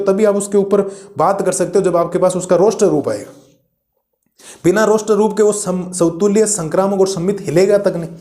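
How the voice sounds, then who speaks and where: A male maths teacher gives a recorded lesson to his students. His voice sits a bit high but sounds mellow and soft. He works through each step and keeps putting questions to the class, reassuring them as he goes. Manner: explains step by step, asks the class rhetorical questions; reassuring and encouraging. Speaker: math teacher. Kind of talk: classroom lecture video.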